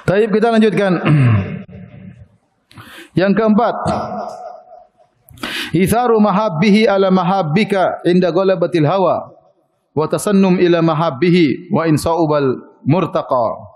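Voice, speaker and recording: A man's voice: high-pitched, a little mellow. A middle-aged Indonesian man giving a sermon as an Islamic preacher, telling stories with frequent "ya" asides and light laughter.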